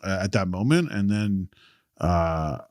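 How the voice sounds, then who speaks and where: A young man co-hosting a podcast, telling a story in a casual, animated way, swearing freely and acting out what others said. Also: low-pitched, unhurried, dry recording, studio quality. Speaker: podcast co-host. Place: lives in Calgary.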